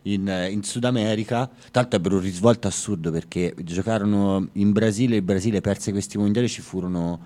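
A man co-hosting a music radio show, talking casually with many pauses and fillers. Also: fairly low pitch, warm tone. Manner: hesitant, many fillers, storytelling. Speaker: radio co-host.

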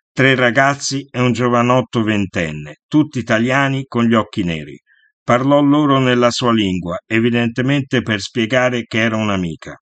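Measured male audiobook reader. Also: medium pitch, a bit bright, dry recording. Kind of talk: scripted first-person novel narration.

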